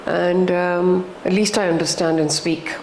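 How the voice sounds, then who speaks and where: An older woman with a British accent, talking reflectively about her own life in an earnest, halting way, repeating words for emphasis. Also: fairly low pitch, fairly even intonation, a little mellow. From England. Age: older, around 60. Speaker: interviewee. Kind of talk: reflective personal conversation. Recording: echoey room with faint background noise.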